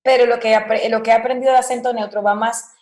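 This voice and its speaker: A woman's voice: on the high side, fast. A woman, a voice-over coach, talking in a podcast interview and acting out quoted examples as she explains. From Dominican Republic. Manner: expressive, acts out quoted examples. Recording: roomy echo.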